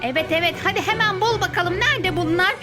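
A woman's voice: very high voice, quick pace, music in the background. A woman playing a mother in toy role-play for children, with exaggerated, playful gasps of fear. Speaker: mother playing with her daughter on a kids' channel.

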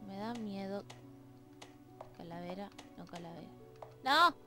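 Loud music sits behind a woman's mid-range voice as she speaks a little slowly. A let's play gamer in a home room with dogs around, she reads game lines in silly voices and talks playfully to the characters.

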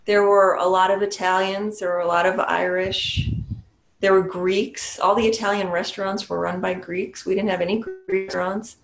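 A New Hampshire woman who is a Zen priest and meditation teacher thoughtfully shares her own story over a webcam video call from a small room at home. Her mid-range, gravelly voice holds a level tone, unhurried with small restarts and soft laughs. The audio is poor and roomy, with music in the background.

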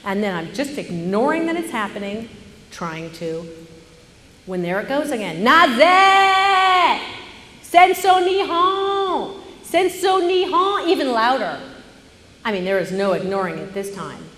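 A woman telling a personal story on stage, animated, swinging from hushed narration to loud indignation. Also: medium pitch, normal speed, in a large hall.

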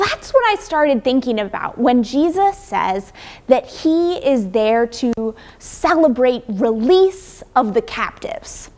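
High, unhurried woman pastor for children. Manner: gentle, storytelling, speaking to children; moving around, gesturing with props. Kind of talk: children's sermon. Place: large church sanctuary, indoors. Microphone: far camera.

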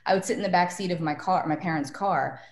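A woman's voice: fairly low pitch, fast talker. A woman from New York, a guest tarot reader, chatting casually and rambling through stories with lots of "like". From New York, USA. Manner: chatty, rambling storyteller, many "like"s. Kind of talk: casual podcast conversation. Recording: roomy echo.

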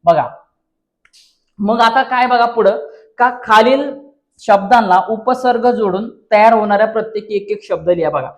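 A man's voice: high-pitched, normal speed, long pauses. Man teaching with constant rhetorical questions. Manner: drills students with repeated rhetorical questions; addresses viewers as friends. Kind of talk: exam paper walkthrough lesson.

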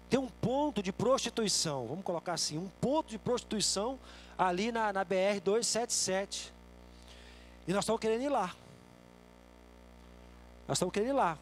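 A male pastor with a high voice preaches a sermon in a church sanctuary. He is animated, acting out quoted lines loudly before dropping back to a hushed tone. Faint music sits behind him. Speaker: guest pastor.

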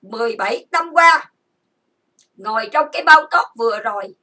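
A woman's voice: on the high side, animated, moderate pace, bright, forceful tone, far from the mic. A woman hosting her own channel, delivering an angry, accusatory rant full of insults and repeated lists. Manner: accusatory, insulting, repetitive listing. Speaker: channel host. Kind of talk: angry ranting monologue.

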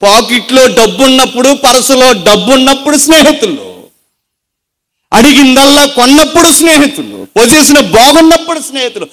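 A man's voice: very high-pitched, very animated, normal speed, a bit bright. A man preaching a sermon with emphasis, acting out the people he quotes.

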